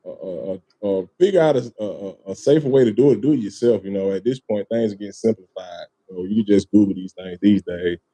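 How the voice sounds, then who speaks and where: A man's voice: fairly low pitch, fairly quick, hardly any pauses, warm tone. A man hosting a casual podcast, telling a long story with lots of swearing, laughter and "man" and "bro" thrown in. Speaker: podcast host.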